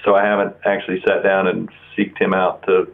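This interview guest, a man in his forties from Florida, talks casually on a narrow-band phone line against a noisy background. He speaks fairly quickly in a low, creaky voice with a completely flat delivery.

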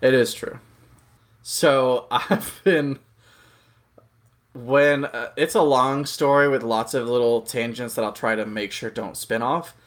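Male podcast co-host, mid-pitched, rambling storyteller with jokey tangents. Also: fairly even intonation, takes it slowly, a bit bright. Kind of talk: casual chat.

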